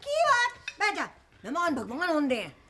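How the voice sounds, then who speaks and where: An actress playing a chatty, nosy Punjabi auntie in a film comedy, with a Punjabi accent. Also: female voice, high voice, huge pitch swings, moderate pace. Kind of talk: Hindi film comedy acting.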